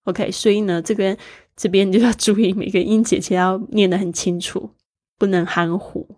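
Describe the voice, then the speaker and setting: A woman explains English words in Mandarin in an easy, chatty way. She spells each word slowly and stops to point out where the stress falls. Her pitch sits in the middle of the usual range. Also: steady tone, darkish tone. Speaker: English teacher. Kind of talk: bilingual vocabulary lesson.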